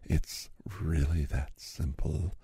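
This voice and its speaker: A chatty male doctor in his fifties, played by a man in a whispered role-play, gravelly and dark-toned. He rambles in an easy, half-whispered way while giving a massage, close and dry on the mic. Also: very deep voice, little pitch movement, slow pace, dry recording, heavily acted. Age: 50s. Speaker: ASMR host.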